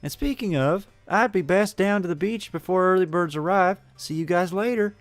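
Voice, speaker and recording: A man's voice: high-pitched, normal speed, no echo, faint music behind, voice pushed up, close to an everyday voice. A man voicing a friendly young sporty beach girl with a Southern accent, in a raised put-on voice. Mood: cheerful. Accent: American Southern.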